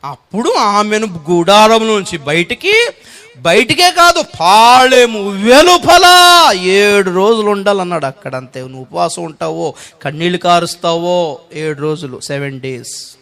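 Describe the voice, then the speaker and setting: Impassioned high-voiced male preacher. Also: animated, unhurried. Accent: Telugu. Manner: emotional preaching, swinging between loud cries and hushed pleading. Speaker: pastor. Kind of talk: sermon.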